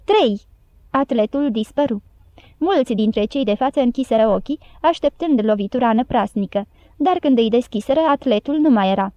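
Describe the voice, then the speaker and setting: Woman reading an audiobook, even storytelling, warm mellow voice, dry dull recording. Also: fairly high pitch, dry recording. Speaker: audiobook narrator. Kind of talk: scripted audiobook narration.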